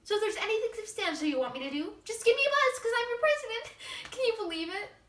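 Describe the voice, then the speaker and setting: A woman's voice: extremely high pitch, animated, racing, roomy sound, distant mic, voice pushed up. A woman playing a giddy, self-absorbed teenage girl who has just been elected class president. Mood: gushing. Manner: bubbly, self-absorbed, gushing.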